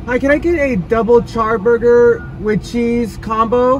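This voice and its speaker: A man's voice: very high-pitched, steady tone, measured pace, lo-fi sound. A man ordering food at a drive-through from his car, raising his voice so the speaker box picks him up. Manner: raised, projecting voice to be heard through the order box. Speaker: vlogger. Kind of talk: casual ordering.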